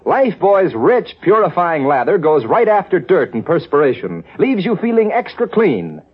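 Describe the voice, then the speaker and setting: A man's voice: sits high, big pitch swings, moderate pace, breathy edge. An American man reading a scripted commercial as a 1940s old radio announcer. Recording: dull vintage radio broadcast.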